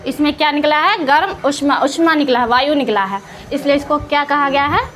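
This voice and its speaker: A woman's voice: sits high, a bit bright. A woman teaching Hindi grammar to students, asking questions and answering them herself, repeating each key term and drawing out the example sounds. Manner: drawn-out sounds when showing vowel and consonant examples. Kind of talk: classroom lesson explaining to students.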